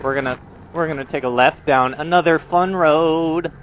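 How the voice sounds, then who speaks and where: A man's voice: fairly high pitch, moderate pace, dull audio. A man vlogging as he rides, talking casually to viewers in slangy, profanity-laced language. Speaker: motorcycle vlogger. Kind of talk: casual riding commentary to viewers. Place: outdoors, riding a motorcycle on the road. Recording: noisy outdoor motorcycle ride, engine and traffic.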